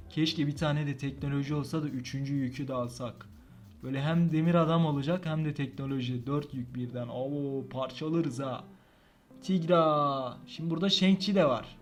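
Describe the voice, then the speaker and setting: A man commenting on his own mobile game play, swinging between muttering and angry outbursts at the game. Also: fairly high pitch. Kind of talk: gameplay commentary.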